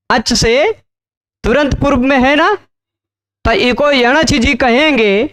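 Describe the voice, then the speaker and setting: A man's voice: very high-pitched, fairly bright tone. A man teaching Sanskrit grammar in a lecture, explaining step by step, repeating key phrases and asking checking questions.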